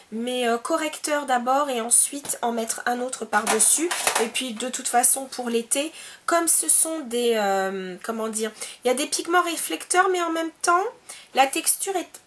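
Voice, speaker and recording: A woman's voice: high-pitched, measured pace, a bit bright. A woman from France chatting casually in a beauty haul video at home, with many hesitations. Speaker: beauty vlogger.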